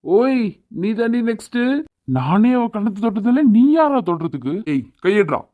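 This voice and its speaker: Cartoon: a man plays a jealous quick-tempered young husband, tinny lo-fi audio. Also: fairly high pitch, close to an everyday voice. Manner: possessive, quick to anger. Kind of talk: cartoon voice acting.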